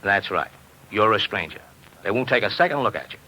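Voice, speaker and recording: In a 1950s radio drama heard through a noisy old recording, an actor plays a big, worried betting agent who talks in slangy, hard-boiled fashion. His voice is on the low side, brisk and sharp, with lively intonation, and he sounds worried and frustrated.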